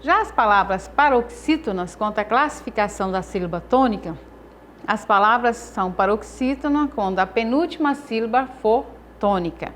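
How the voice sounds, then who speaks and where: A Brazilian woman teaching a Portuguese class. She speaks slowly, stresses each syllable and repeats her phrases. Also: on the high side, animated, a bit bright, a little hiss or hum. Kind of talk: recorded class lesson.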